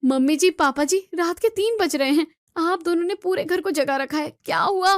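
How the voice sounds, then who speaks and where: A woman's voice: extremely high pitch, normal speed, dry recording, studio quality. Woman doing a scolding young daughter-in-law. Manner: scolding, pleading.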